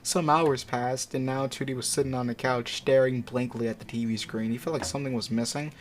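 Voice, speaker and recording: Reading amateur fanfic a little fast, this man has a mid-range voice with fairly even intonation, and the recording carries a little hiss or hum plus background music. He interjects with slangy, profane, incredulous comments.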